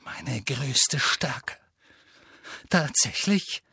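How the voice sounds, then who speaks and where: A man voicing a furious, grieving teenage boy wizard who shouts with a trembling voice. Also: medium pitch, animated, very slow, gravelly, husky, dry recording, exaggerated voice.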